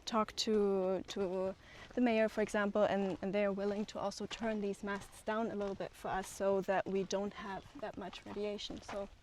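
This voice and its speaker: A woman community manager chatting casually on a walking tour outdoors, a little out of breath, pausing with ums and laughing easily. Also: medium pitch, a little hiss or hum. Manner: relaxed, pauses with frequent ums, laughs easily. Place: outdoors on hilly open land.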